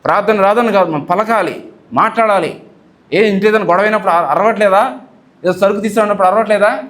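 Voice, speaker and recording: A man delivers a sermon as a pastor, his voice sitting high for a man. He keeps asking his listeners questions and then answers them himself. He acts out commanding prayers with force. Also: quick pace. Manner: forceful preaching with rhetorical questions, acting out prayers.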